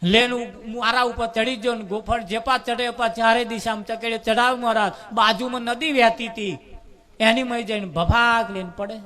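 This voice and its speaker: A man telling a humorous parable at a devotional gathering, lively and fond of drawn-out repetition. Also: extremely high pitch. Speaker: devotional storyteller at a bhajan gathering.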